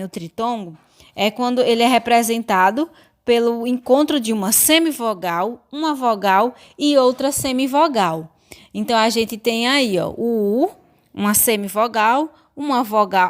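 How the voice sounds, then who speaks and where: A woman teacher with a Brazilian Portuguese accent gives a recorded school lesson. Her voice sits a little high, and she explains each point slowly and patiently. She keeps pointing out examples to her students as she goes.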